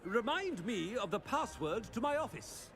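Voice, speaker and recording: Pompous, swooping petty tyrant of a headmaster. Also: male voice, very high voice, sing-song, moderate pace, fairly bright tone, exaggerated voice. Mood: imperious. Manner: petty tyrant, imperious and dismissive. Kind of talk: theatrical video game acting.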